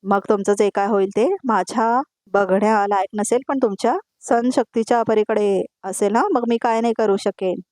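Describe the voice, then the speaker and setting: A woman reading the lines of a defiant, sharp-tongued young wife who answers with curt retorts, in a dry recording. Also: mid-range voice, fairly even intonation, moderate pace, hardly any pauses, no room sound, natural voice.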